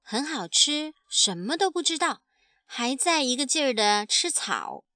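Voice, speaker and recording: Lady reading a kids picture book, high lively voice, slow, acts out the sound effects. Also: no echo, studio quality. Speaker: storyteller.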